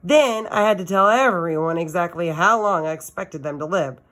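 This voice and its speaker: A woman whose voice is slightly low and fairly bright in tone reads aloud from a children's novel at a moderate pace. She gives the story expression, much as a teacher would for a class.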